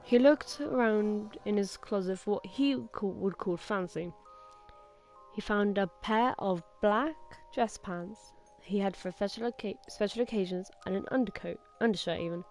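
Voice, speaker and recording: A woman streamer reading a horror story aloud on a game stream, halting and correcting herself often. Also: mid-range voice, faint music behind. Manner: halting, with many restarts and self-corrections.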